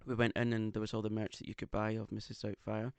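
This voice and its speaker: A man's voice: on the low side, little pitch movement, quick pace, vocal fry, clear, resonant tone, no echo. A man co-hosting a casual podcast, with an English accent and a camp, theatrical, teasing way of talking. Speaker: podcast co-host. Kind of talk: casual chat. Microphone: studio microphone.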